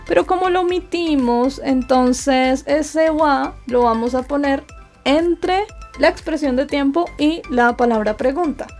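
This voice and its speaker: A woman teacher with a high voice and a gravelly edge explains grammar step by step. She poses questions to her students and answers them herself. Soft music plays faintly behind her. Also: measured pace. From Colombia. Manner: patient, asks rhetorical questions and answers them. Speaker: Japanese teacher. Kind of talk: explaining grammar lesson over slides.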